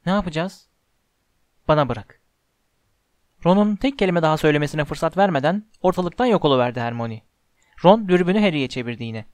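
A man's voice: fairly high pitch, expressive, fast talker, darkish tone, no room sound. Man reading a storybook, dry and close. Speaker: audiobook narrator. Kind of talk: storybook narration.

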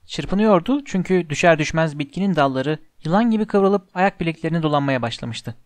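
A man reading a storybook aloud in a measured, steady way, close to the mic. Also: on the high side, no room sound. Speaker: audiobook narrator. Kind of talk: storybook narration.

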